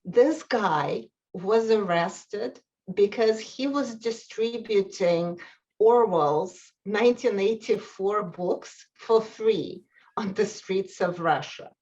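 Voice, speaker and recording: Woman speaker at a college event, unhurried and halting, recording a bit muffled. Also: mid-range voice, darkish tone. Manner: hesitant, many pauses and ums. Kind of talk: prepared talk to an audience.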